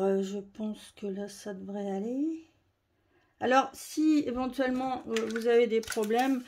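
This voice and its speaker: A woman's voice: a little high, dark tone. Chatty woman demonstrating crafts. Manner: chatty, explaining while working. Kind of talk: crafting tutorial.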